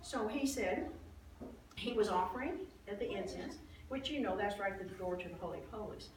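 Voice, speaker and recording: A woman plays an excitable, devout old priest's wife in a first-person dramatized Bible monologue, telling the story in an earnest, explaining mood. Her medium-pitched, lightly acted delivery is conversational and expressive, halting with restarts and acted-out exclamations. The distant mic catches a roomy echo and faint noise.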